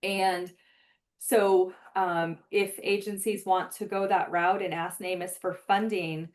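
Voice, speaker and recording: A woman's voice: mid-range voice, little pitch movement, slow pace. A woman giving a webinar presentation in an earnest, explanatory way, talking conversationally with many "um" fillers. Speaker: presenter for a forensic database program.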